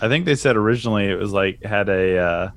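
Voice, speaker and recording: A young man with a fairly low voice chats on a family podcast. He hesitates and searches for his words as he goes. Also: fast talker. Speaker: co-host, son. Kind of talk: casual podcast chat.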